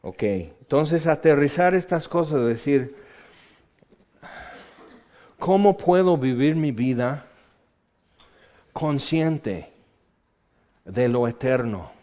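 A middle-aged man preaching a sermon, animated and humorous, swinging between loud and quiet. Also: a little high, slow, pauses often. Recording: slightly dull lo-fi sound.

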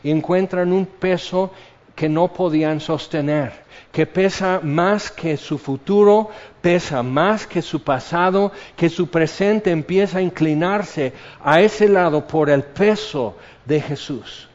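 A man preaching a sermon, slow and measured, repeating key phrases for weight. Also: on the high side, darkish tone. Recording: dull lo-fi sound.

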